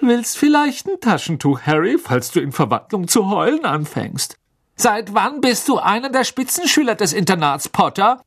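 Sneering teen schoolboy bully, high and taunting, put on by a male narrator for an audiobook. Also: sing-song, normal speed, a bit bright, heavily acted. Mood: mocking. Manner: mocking, taunting.

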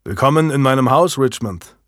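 A man voicing a calm, generous medieval lord who speaks earnestly in an audiobook. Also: mid-range voice, normal speed, dry recording, studio quality, natural voice.

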